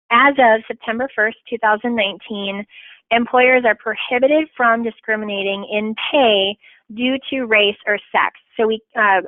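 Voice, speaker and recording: A woman attorney presenting a legal webinar in a chatty, quick way with frequent ums. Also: medium pitch, dry recording. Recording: tinny phone-like line.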